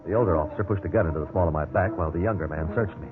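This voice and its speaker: An actor with a low voice races through a lightly acted, 1950s radio drama-style monologue as a respectable businessman who was wrongly accused, telling his story in an earnest, conversational way. The narration is wry and measured. The sound is phone-quality, thin and band-limited like an old radio recording, with hiss and music underneath.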